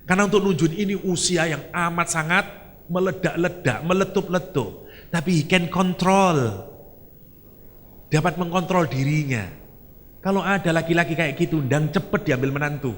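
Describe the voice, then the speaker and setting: A man with an East Javanese accent delivers a sermon, telling its story with energy and dropping in asides in Javanese and English. His voice sits slightly high and moves at an ordinary pace, and the recording has a long reverb tail.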